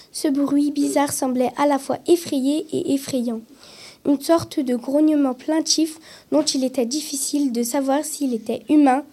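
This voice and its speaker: A woman reading a children's book aloud in a calm, steady way. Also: sits high. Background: guitar music.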